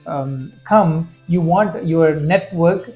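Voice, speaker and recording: A man's voice: a little high, takes it slowly, narrow, tinny audio, faint music behind. A man from Sri Lanka, a guest in an interview, speaking earnestly with frequent fillers and restarts. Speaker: guest, festival director and business owner. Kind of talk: conversational interview.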